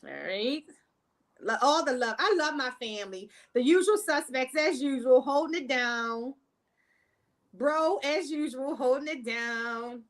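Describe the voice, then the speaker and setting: A woman from Baltimore, USA, hosts a casual podcast live-stream chat in her Baltimore accent, reading viewer comments aloud and laughing often. Her voice sits high and is animated, at a measured pace.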